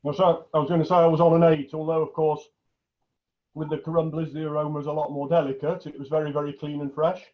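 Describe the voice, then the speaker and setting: A chatty man judges cheese, explaining with easy authority and a dry joke here and there. His voice sits slightly high, and the audio is a touch dull and muffled. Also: flat delivery, quick pace. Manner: chatty, jokey, knowledgeable. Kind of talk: casual tasting commentary.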